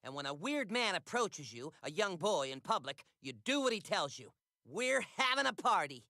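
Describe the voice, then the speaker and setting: A voice actor playing an eager, dramatic nerdy teenage boy in an animated sitcom. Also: medium pitch, normal speed, no room sound, clean studio sound. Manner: excitable, theatrical outbursts. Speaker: cartoon character.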